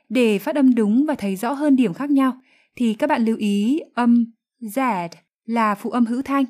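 A woman whose first language is Vietnamese, explaining English phrases in a lesson with calm, careful pronunciation. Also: fairly high pitch. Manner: calm, clear, careful enunciation of English examples. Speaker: English teacher.

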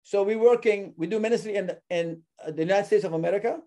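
Earnest and halting, this Surinamese man is a guest on a relaxed interview, talking about the ministry he founded. His tone is warm and fairly high-pitched, and he frequently repeats words as he hunts for what to say.

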